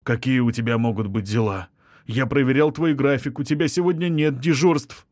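A man's voice: medium pitch, fairly even intonation, normal speed, darkish tone, no echo, studio quality, lightly acted. Guy acting out a clingy middle-aged musician, whiny and pushy, with a nasty edge. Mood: pleading. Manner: wheedling, offended, turning menacing. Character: middle-aged male violinist, pushy, spiteful suitor. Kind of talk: audiobook character reading.

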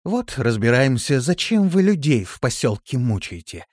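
Voiced by a male audiobook reader, a cruel demon woman speaks in a cold, hissing deadpan, her threats flat and unhurried. The voice sits a little above his usual pitch, in a close, dry reading. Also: no room sound. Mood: menacing. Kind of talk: audiobook character voice.

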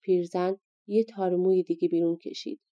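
Mellow-voiced woman reading a fairy tale. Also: lowish voice, flat delivery, lo-fi sound. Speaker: audiobook narrator. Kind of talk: scripted storybook narration.

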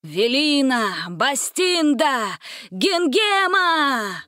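A man's voice: high voice, takes it slowly, sharp tone, clean tone, dry recording, exaggerated voice. A mysterious hooded wizard, voiced by a woman reading a storybook who calls out spells in a ringing voice. The recording is close and dry. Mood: commanding.

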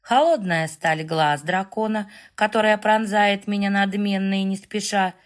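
Brief: female audiobook narrator, first-person fantasy, expressive mid-pitched voice. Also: measured pace.

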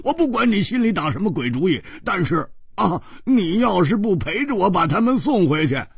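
A male storyteller puts on a hot-tempered young swordsman who trips over his words, stuttering and repeating himself in a high, wildly swooping voice. The tone is slightly husky and close, with a dry sound. It suits a storytelling radio broadcast. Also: wildly swooping pitch, moderate pace, no room sound, heavily acted. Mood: flustered. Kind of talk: Chinese storytelling radio reading.

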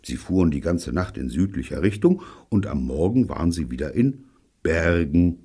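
Husky deep-voiced male audiobook narrator. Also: normal speed. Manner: dry, wry storytelling with lively voiced dialogue. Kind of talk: audiobook reading of a children's novel.

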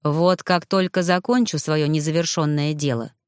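A woman voicing a polite young male ghost who talks in a gentle, sighing, lowered voice, weary and sorrowful. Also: fairly even intonation, moderate pace, smooth, dry recording, studio quality, natural voice.

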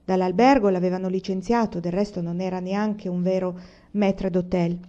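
A woman reading a novel aloud as an audiobook narrator, calm and measured, in a lo-fi recording. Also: fairly low pitch. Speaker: reader.

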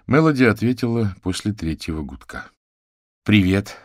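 Deep-voiced man narrating an audiobook. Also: animated, moderate pace, no room sound, clean studio sound. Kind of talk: scripted narration.

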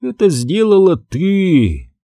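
A man's voice: on the high side, big pitch swings, a little slow, mellow, dry recording, studio quality, pitched above the performer's own voice. A man doing a smug, vengeful young man. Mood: mocking. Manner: smug, mocking.

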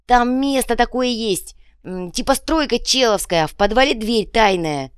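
A woman voicing a hungry, scrappy male goblin-like fighter who talks crudely and yells, raising her pitch well above her own for him. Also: animated, normal speed, clean tone, dry recording, studio quality, close to an everyday voice. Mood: hungry, shouty. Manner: crude, yelling, whiny.

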